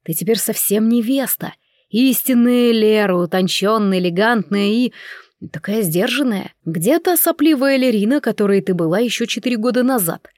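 A woman's voice: on the high side, animated, moderate pace, a little mellow, no room sound, clean studio sound, natural voice. A woman reading the lines of a playful, mocking young nobleman in a story. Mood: teasing. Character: teasing charming young nobleman.

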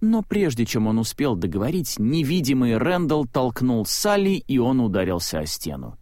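Man reading a story with lively swings. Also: medium pitch, normal speed, no room sound, studio quality. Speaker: narrator.

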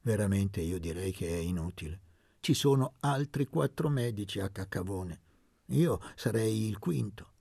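A male reader plays a young medical student who talks plainly and bluntly, with a bitter frankness. His voice is gravelly and a little husky, lively in its rise and fall. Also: fairly low pitch, unhurried, no echo, studio quality, pitched below the performer's own voice, heavily acted.

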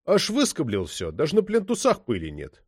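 A man voicing a gruff, unflappable boatswain cop with a bass voice in an audiobook. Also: huge pitch swings, moderate pace, no echo, clean studio sound, heavily acted. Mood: gruff coaxing.

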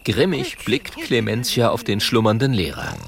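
Man reading a children's story, very animated. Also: medium pitch, normal speed, crowd noise. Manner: animated, expressive. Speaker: narrator.

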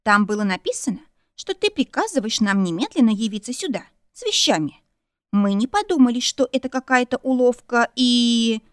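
A woman's voice: on the high side, expressive, moderate pace, no room sound, clean studio sound, voice pushed up, close to an everyday voice. Hesitant young concubine, explaining herself, read by a woman. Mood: nervous.

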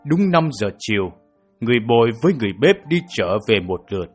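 A man voicing a stern prosecutor who questions a suspect in a slow, measured manner in an audiobook drama. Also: mid-range voice, big pitch swings, soft background music. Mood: probing. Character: stern male prosecutor, calm and probing.

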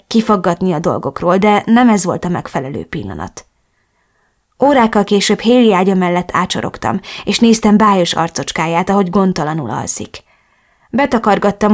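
A woman's voice: medium pitch, animated. Woman reading an audiobook expressively. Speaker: audiobook narrator. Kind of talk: first-person novel narration.

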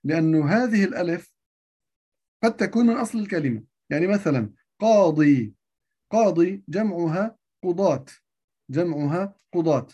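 Guy teaching grammar, slightly high but mellow voice, says everything twice, asks himself questions. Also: animated, moderate pace, breathy edge, lo-fi sound. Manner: repeats each point and asks himself rhetorical questions. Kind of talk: classroom grammar lesson.

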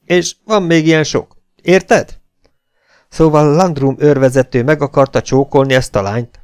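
A man's voice: a little high, steady tone, darkish tone, clear, resonant tone, pitched above the performer's own voice, close to an everyday voice. A man reading an audiobook, voicing a weary, hot-tempered legion captain who threatens and coaxes a prisoner. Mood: menacing. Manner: threatening, then coaxing and falsely friendly.

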